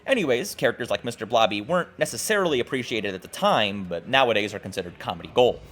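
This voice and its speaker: Over background music, a man narrates his video essay from a script, tossing in profane, casual asides with jokey, irreverent emphasis. His mid-range voice is expressive, a bit bright, and quick.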